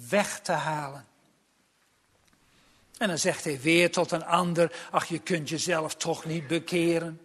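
A man preaches a sermon with grave, emphatic warnings. His voice is high for a man and he speaks slowly, drawing out the words and leaning on them for stress.

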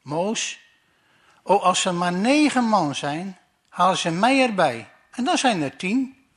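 Brief: guileless cheerful fellow, put on by a man telling jokes, high and unhurried. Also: very animated, fairly bright tone, full character voice.

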